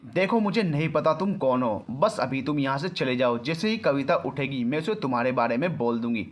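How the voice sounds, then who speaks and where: A man's voice: mid-range voice, expressive, moderate pace, lightly acted. A man voicing a stern, protective middle-aged mother in a storybook reading, scolding and demanding answers. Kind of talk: storybook narration.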